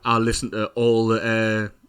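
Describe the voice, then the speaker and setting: A young man, co-hosting a podcast in relaxed, rambling chat with lots of fillers. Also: on the low side, moderate pace, clean tone. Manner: laid-back, rambling with fillers, laughs often. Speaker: podcast co-host. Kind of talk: casual chat.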